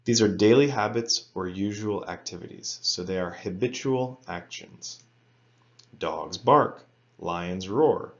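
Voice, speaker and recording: Low-voiced man teaching English grammar. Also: dull audio. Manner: slow, careful reading of example sentences. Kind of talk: recorded lecture for students.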